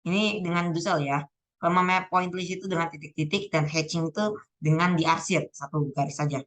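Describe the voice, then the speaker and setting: A woman's voice: on the low side, fairly quick, fairly bright tone, low-quality recording. A teenage girl casually going over exam answers, thinking aloud and often correcting herself. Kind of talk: casual spoken exam walkthrough.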